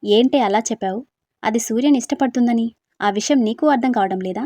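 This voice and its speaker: A woman's voice: fairly high pitch, fairly quick, warm tone, no echo, lightly acted. A woman reading nosy, teasing hostel girlfriends. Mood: curious, teasing. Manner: prying, teasing questions. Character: chatty young women hostel friends, teasing and curious.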